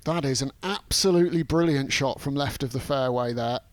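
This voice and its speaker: A man narrating golf highlights and commentating on the play as a sports broadcaster. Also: a little fast, dry recording.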